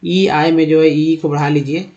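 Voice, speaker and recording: Male teacher with a fairly high voice, patient step-by-step explainer, muffled lo-fi audio. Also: steady tone, moderate pace, darkish tone. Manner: repeats questions and answers them himself, addresses viewers as friends. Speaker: English teacher. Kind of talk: explanatory lesson. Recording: dull lo-fi sound.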